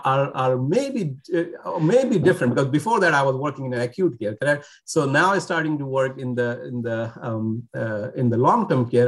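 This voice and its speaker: A man from Pakistan speaks as a podcast guest, pausing often with ums and uhs as he restarts his sentences. His voice sits at an ordinary male pitch. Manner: hesitant, many fillers and restarts. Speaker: physician guest. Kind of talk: podcast interview.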